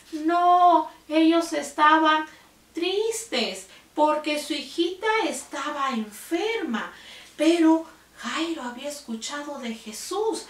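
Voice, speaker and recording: Maestra de voz aguda y pausada, sala con eco. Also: female voice, sits high. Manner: gentle, sing-song, asks little questions. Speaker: children's Bible class teacher. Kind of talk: slow, simple storytelling for toddlers. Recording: roomy sound, a bit far from the mic, faint noise.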